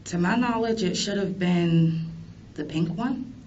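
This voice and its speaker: A young woman being interrogated in an indoor police interview room answers questions in a tentative, matter-of-fact way. Her voice is on the low side and darkish, and she speaks unhurriedly. A distant room microphone makes the recording muffled and noisy.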